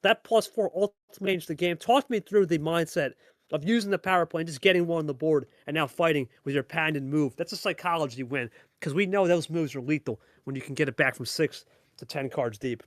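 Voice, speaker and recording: In a dry, clean studio recording, a man with a fairly high voice briskly hosts a card game match, giving live play-by-play and player interviews while hyping it and repeating phrases for emphasis.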